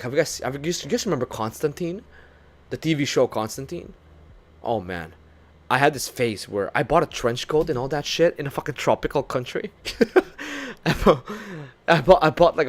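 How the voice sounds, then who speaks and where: A young Filipino man with a Filipino English accent chatting casually on stream, swearing and laughing as he tells stories and answers chat. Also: medium pitch. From Philippines. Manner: animated, swearing, laughing storyteller. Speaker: VTuber streamer.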